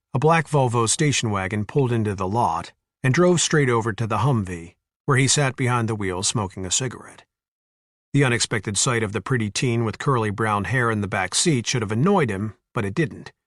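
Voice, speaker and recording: A man narrating an audiobook in a steady, even way. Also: fairly low pitch, no echo, clean studio sound. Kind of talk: scripted narration.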